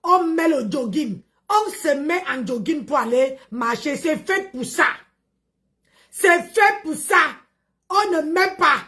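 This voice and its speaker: A woman hosting a livestream rant, mocking and confrontational, repeating phrases for emphasis and often breaking into shouts. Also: sits high, animated, takes it slowly. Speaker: livestream host.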